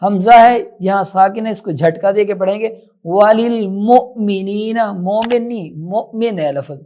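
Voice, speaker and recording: A man with a notably high-pitched voice gives a tajweed lesson in a measured, instructive way. He explains points briskly, then slows right down to draw out each recited word. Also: mellow. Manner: switches between brisk explanation and slow, drawn-out recited words. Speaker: Quran recitation teacher.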